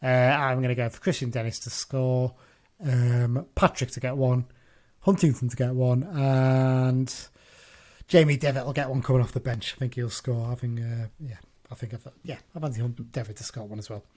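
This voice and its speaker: A man hosts a relaxed football podcast in an ordinary mid-pitched voice. He chats along loosely, restarting and correcting himself as he goes. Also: moderate pace. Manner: chatty, with frequent restarts and self-corrections. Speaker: podcast host. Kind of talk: casual football chat.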